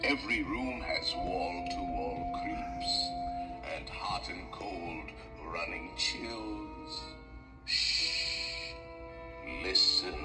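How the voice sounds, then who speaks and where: A man playing a ghoulish, mock-polite ghost who guides visitors through a haunted mansion, speaking slowly and sometimes whispering. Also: sits low, wildly swooping pitch, full character voice. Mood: mock-genial. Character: sinister, genial male ghost host of a haunted mansion. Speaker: narrator and guide. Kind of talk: theme-park ride narration. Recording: distant voice under loud spooky music.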